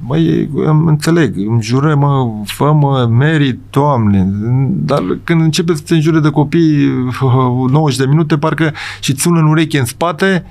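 This middle-aged coach of football, interviewed on a relaxed studio podcast, speaks with a somewhat high, creaky, slightly mellow voice. He rambles with emphasis, frequently restarts, and checks in with the host.

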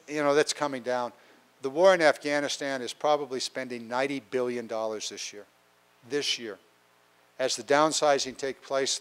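Older guy on a handheld mic at a town hall, smooth voice, lots of uhs, kinda fed up, coming down with a cold. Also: medium pitch. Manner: plainspoken, exasperated, many uh fillers. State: getting a cold. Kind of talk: public town hall talk. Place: large council chamber with an audience.

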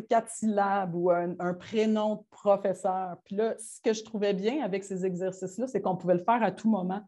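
A woman's voice: mid-range voice, dark tone. A woman with a Quebec French accent, a teacher presenting her classroom methods to colleagues in an informal, hesitant way with many fillers and restarts. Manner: self-described rushing delivery.

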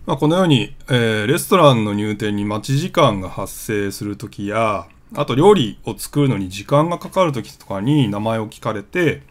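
A man's voice: fairly low pitch, expressive, normal speed, hardly any pauses, slight background noise. A man hosting his travel vlog, explaining things in a casual, conversational way with plenty of fillers. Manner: chatty, conversational with frequent fillers.

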